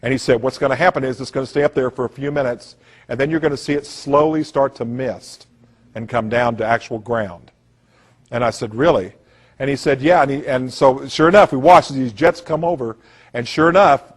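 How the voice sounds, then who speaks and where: Man, emphatic lecture, repeats himself, middle pitch. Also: fairly even intonation, fairly quick. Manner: acts out voices in anecdotes. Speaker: speaker giving a talk. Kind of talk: conspiracy lecture.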